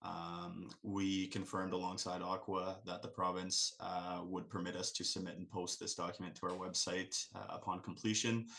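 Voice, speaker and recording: A man joining a council meeting remotely over a conference call, presenting a staff report haltingly with frequent fillers. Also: deep voice, vocal fry, a bit bright.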